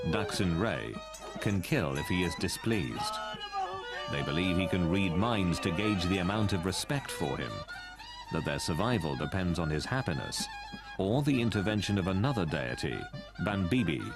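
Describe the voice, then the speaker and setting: A man narrates a nature documentary in a low voice. His scripted delivery is dramatic and measured, with lively movement in pitch over a music bed.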